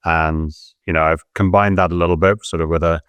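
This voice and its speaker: Middle-aged male guest, very low smooth voice, dry close mic, measured explanations. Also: fairly even intonation, a bit bright, no echo, muffled recording. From Pakistan. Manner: measured, explanatory, with hedging fillers. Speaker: guest, humanitarian adviser. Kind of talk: casual interview chat.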